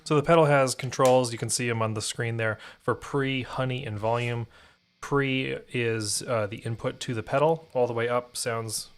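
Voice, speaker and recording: Hosting a live stream, a podcast host demonstrates a guitar pedal in a relaxed, rambling way, often correcting himself. He speaks at normal speed with a medium pitch, fairly even intonation and a clear, resonant tone.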